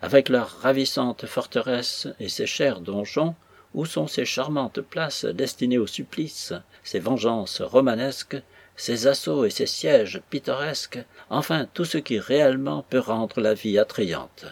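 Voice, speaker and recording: A man's voice: mid-range voice, measured pace, gravelly, breathy edge. A man reading an audiobook, voicing an effusive, theatrical elderly society lady. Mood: gushing. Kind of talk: audiobook character voice.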